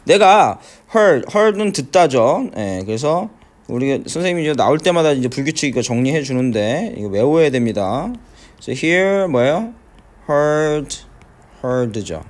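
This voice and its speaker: A middle-aged man teaching an English listening lesson, breaking down phrases slowly with many fillers and frequent checks that students follow. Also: on the high side. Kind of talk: classroom lecture explaining pronunciation.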